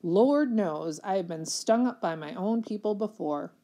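A woman's voice: medium pitch, animated, a little slow, mellow. A woman voicing a haughty middle-aged foster mother who scolds in stiff, formal words. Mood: scornful. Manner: formal, scolding, lofty diction.

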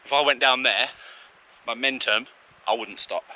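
A man talks on a mountain trail, out of breath and jittery, filming as he climbs. His voice is sharp and bright, sitting in the middle of the range. Faint outdoor noise runs under it. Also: mid-range voice, moderate pace, rough recording. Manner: breathless and jittery, exclaiming at heights. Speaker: vlogger. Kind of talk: casual vlog narration while hiking.

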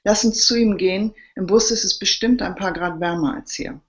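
A woman's voice: medium pitch, normal speed, natural voice. A woman voicing a wry male police colleague with an offhand way of talking, in a dull lo-fi recording.

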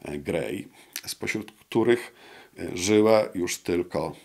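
A man in his sixties, an interview guest, explaining history at a measured pace with many hesitant fillers, recorded on a lapel mic in a studio room. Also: low-pitched, vocal fry, a little mellow. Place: wood-panelled studio room with brick wall.

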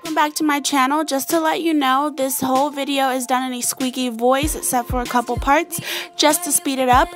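A woman in her twenties opens her vlog with a chirpy, friendly greeting. Her natural voice sits fairly high. Soft music plays faintly behind her. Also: steady tone, moderate pace. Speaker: vlogger. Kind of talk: casual vlog intro.

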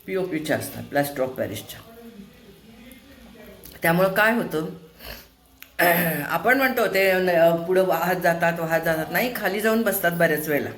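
A woman's voice: fairly low pitch, animated, normal speed, long pauses, soft background music. Chatty older woman in an echoey kitchen. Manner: chatty, rhetorical questions, scolding tone. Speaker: home vlog host. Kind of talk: casual chat while cooking. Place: home kitchen.

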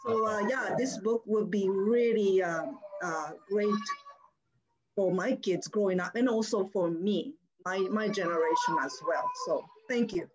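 Woman, Japanese accent, halting speech, lo-fi call audio. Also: mid-range voice, a crowd in the background. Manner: hesitant, many uhs, careful phrasing. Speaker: audience member, mother. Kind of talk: casual comment on a video call. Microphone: video call webcam.

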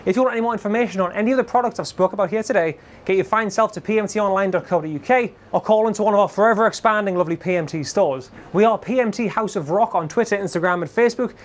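Geordie guy, music-shop presenter, bright chatty demo patter, high-pitched for a man. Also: very fast. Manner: upbeat, chatty salesman patter. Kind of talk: product demo talk to camera.

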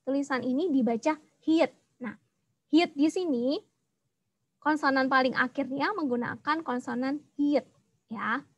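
A woman's voice: high-pitched, a little slow, long pauses. A young woman, teaching an online language lesson and patiently explaining each sound step by step.

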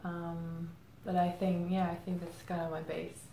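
Woman, 30s, lowish voice, thoughtful interview answers with pauses, faint room hiss. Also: little pitch movement, warm tone. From Czech Republic. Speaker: marketing head interviewed as guest. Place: indoor room against a plain grey backdrop. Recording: roomy echo, faint ambient noise.

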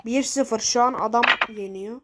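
A woman commenting on her own football video game match, shouting, exasperated and swearing at the game. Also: fairly high pitch, normal speed. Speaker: gaming video host. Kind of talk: excited live game commentary. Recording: loud background noise and clicks.

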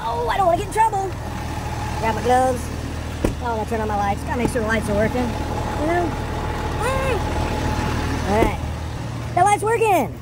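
A man's voice: very high voice, very animated, moderate pace, long pauses. A man in his forties, a truck driver vlogging casually, chatting to himself while he checks over his rig, first outdoors at a truck yard, then inside his cab. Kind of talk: casual vlog commentary. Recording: outdoor vehicle noise behind.

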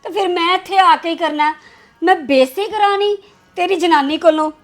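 A hurt married daughter, played by a woman, complains through tears. Her voice is very high and aggrieved, in a homemade family drama. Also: fairly quick. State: crying.

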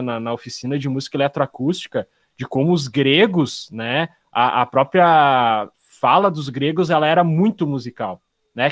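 A man's voice: on the high side, dry recording, studio quality. Hesitant man on a video call. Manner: thoughtful, many fillers and restarts. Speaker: study group participant. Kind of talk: casual video call discussion.

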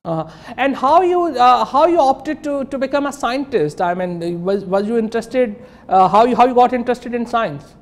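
A man with a very high voice for a male speaker hosts a television interview in a studio. His questions wander and stall, broken up by repeated "uh" and restarts. He is from Pakistan. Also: lively intonation. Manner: rambling, halting questions with many uh's. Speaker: TV news interviewer.

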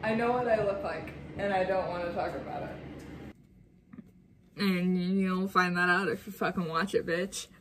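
A woman's voice: on the low side, fairly even intonation, normal speed, background noise. A young woman chatting casually and jokingly to her viewers as a vlogger, swearing freely. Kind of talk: casual chat.

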